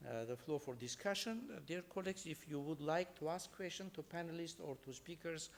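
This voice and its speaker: An Armenian-accented man with a somewhat high voice speaks earnestly at a conference, his phrasing halting and searching. He moderates a panel of judges. Faint room noise sits behind him. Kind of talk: conference speech.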